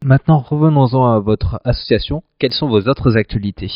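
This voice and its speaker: A man's voice: medium pitch, a little fast, no room sound. A man hosting a radio interview segment, asking his guest formal, prepared questions in a polite manner. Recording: dull lo-fi sound.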